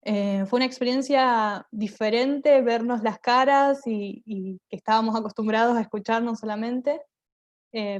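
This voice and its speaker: This theatre group member, a woman with a fairly high voice, answers panel questions about creative work in a conversational way. She is reflective and often rephrases herself as she explains. The audio sounds dull.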